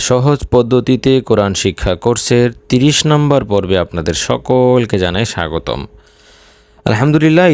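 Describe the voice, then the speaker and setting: Male Quran teacher, low voice, dry close mic, patient letter-by-letter spelling with slow recitation. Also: a little mellow, dry recording. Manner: slow, drawn-out recitation between plain explanation.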